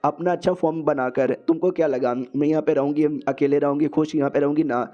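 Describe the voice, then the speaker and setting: A man's voice: a little high, steady tone, fairly quick, mellow, lo-fi sound, natural voice. A man voicing a lonely young girl spirit who pleads with an older woman, in his own everyday voice. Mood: pleading.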